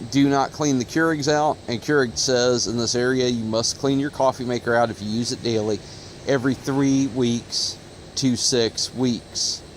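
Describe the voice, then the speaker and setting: Standing outside in sunlight, a medium-voiced auto parts video host from Ohio, USA records himself on his phone. He talks loosely to the camera, full of fillers and self-corrections, and a slight hiss or hum sits under the audio.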